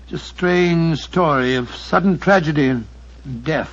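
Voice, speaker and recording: Doctor Watson, a genial bluff doctor. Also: male voice, a little high, a little slow. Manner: hesitant, chatty, then earnest and appealing. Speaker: storyteller giving a closing appeal. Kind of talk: 1940s radio acting. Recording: lo-fi 1940s radio broadcast.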